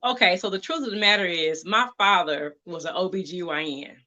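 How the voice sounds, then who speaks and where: A woman as a dentist guest on an interview. She is chatty and lively, quick to laugh. Her voice has a bright ring. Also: on the low side. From Atlanta, Georgia. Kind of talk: casual interview.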